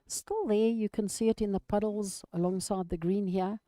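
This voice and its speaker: A woman giving live lawn bowls commentary in a measured golf-style manner, describing each shot in short phrases. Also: mid-range voice, fairly even intonation, mellow, no echo, studio quality.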